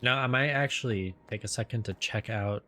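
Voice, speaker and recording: A man's voice: lowish voice, fairly quick, bright, forceful tone, soft background music. A man casually commentating his video game playthrough, rambling and tripping over his words, then joking about it. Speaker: let's play host.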